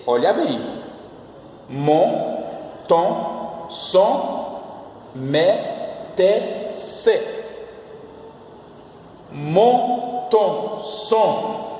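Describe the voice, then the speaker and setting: Male teacher, slow drilling delivery, echoey hall sound. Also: fairly high pitch, darkish tone, distant mic, slight background noise. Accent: French. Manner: drills words slowly, repeats, coaxing and teasing. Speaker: French teacher. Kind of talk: online language lesson. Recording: echoey room, voice off-mic.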